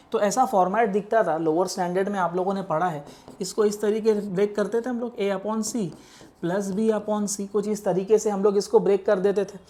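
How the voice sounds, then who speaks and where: A man's voice: high-pitched, darkish tone. Patient man teaching maths step by step. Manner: explains patiently, keeps checking in with students; mixes English math terms into spoken Hindi. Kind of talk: step-by-step lecture on worked problems.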